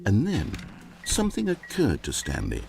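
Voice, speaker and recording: A man's voice: on the low side, wildly swooping pitch, moderate pace, vocal fry, a little mellow, slight background noise, heavily acted. A man narrating a video game story in a dry, wry, theatrical way. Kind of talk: scripted narration. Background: game music.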